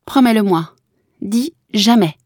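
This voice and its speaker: A woman's voice: mid-range voice, a little slow, darkish tone, no echo, studio quality, voice pushed up, lightly acted. A woman voicing a small girl who pleads urgently with her grandmother. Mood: pleading. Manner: urgent, begging.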